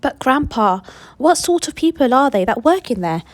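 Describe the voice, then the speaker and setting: A woman voicing a curious young boy who asks high, quick, eager questions in a storybook reading. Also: big pitch swings, no echo.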